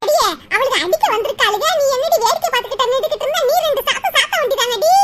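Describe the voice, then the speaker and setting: A woman voicing a loud, doting older village mother. She scolds in rapid dialect banter. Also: extremely high pitch. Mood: scolding. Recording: noisy recording with steady hiss.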